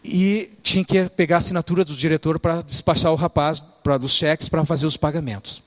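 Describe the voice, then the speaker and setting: Homem brasileiro contando história com vivacidade. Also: male voice, fairly high pitch, fairly quick. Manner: lively storyteller, quotes people and quizzes the audience. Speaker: church speaker. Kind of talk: storytelling sermon. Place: church hall.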